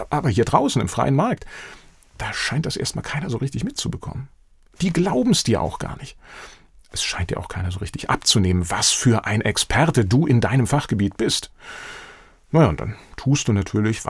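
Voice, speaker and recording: A man's voice: mid-range voice, creaky, breathy edge, no room sound, clean studio sound. A man in his fifties, a voice coach, giving a direct coaching monologue that speaks straight to the listener. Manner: direct, animated, addresses listener as "du".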